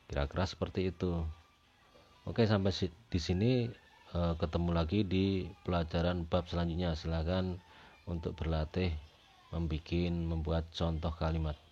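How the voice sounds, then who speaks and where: Guy teaching a lesson, real deep voice, explains slow and repeats stuff, kinda dull lo-fi audio. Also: little pitch movement, mellow, soft background music. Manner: patient, repetitive explaining with fillers. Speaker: Japanese language teacher. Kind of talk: recorded language lesson. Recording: slightly dull audio with faint noise.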